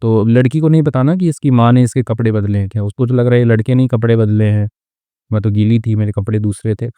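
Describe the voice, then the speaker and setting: Mellow-voiced man teaching English through a story. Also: mid-range voice, steady tone, smooth, no echo. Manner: explains phrase by phrase, chatty and patient; reads English lines slowly, then glosses them.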